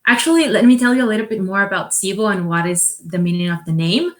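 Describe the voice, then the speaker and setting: A Costa Rican woman, her company's co-founder and CEO, gives a business presentation about it. She speaks quickly in a mid-range voice, earnest and explanatory, with frequent fillers and restarts.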